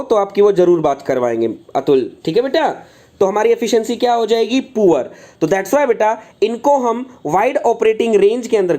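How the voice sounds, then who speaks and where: Male tutor, mellow soft tone, fatherly, repeats himself, live online class. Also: sits high. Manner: fatherly, calls students "beta" and repeats himself; reads chat comments aloud and answers them. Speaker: engineering exam tutor.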